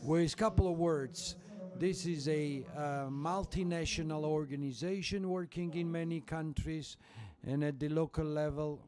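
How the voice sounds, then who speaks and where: A man's voice: a little high, fairly even intonation, moderate pace, few pauses, a little mellow. A man giving a conference presentation in careful English, hesitant, with frequent fillers. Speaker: panel speaker. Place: conference hall.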